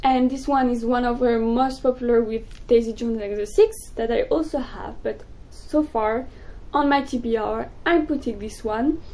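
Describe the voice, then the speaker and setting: A young woman, a native French speaker, chatting excitedly about books in a casual vlog. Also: fairly high pitch, low-quality recording. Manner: excitable, gushing, quick bursts. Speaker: book vlogger. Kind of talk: casual chat to camera.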